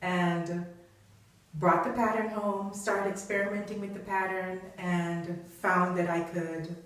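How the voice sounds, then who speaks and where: A woman's voice: lowish voice, steady tone, slow pace, a bit bright. A middle-aged woman from Trinidad and Tobago, a business professor speaking as an interview guest, talking thoughtfully with frequent fillers. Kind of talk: conversational interview. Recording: echoey room, distant mic.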